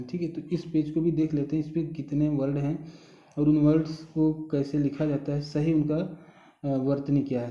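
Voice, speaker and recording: A man's voice: fairly high pitch, mellow. A man teaching a spelling lesson, patient and repetitive, stretching out the words he corrects. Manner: patient, repeats words slowly and often says "thik hai". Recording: muffled roomy recording.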